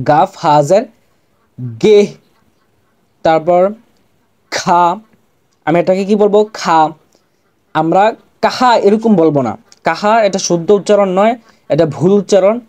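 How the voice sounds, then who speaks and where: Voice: medium pitch, mellow. A language teacher giving an online lesson, patiently drilling pronunciation and repeating each syllable, asking and then answering.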